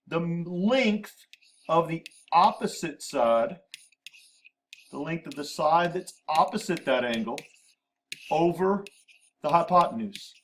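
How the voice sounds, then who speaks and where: Guy teaching math, fairly high voice, repeats stuff and spells it out letter by letter. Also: fairly bright tone, a little hiss or hum. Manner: patient, repeats terms, spells out abbreviations. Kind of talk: classroom lecture at a whiteboard.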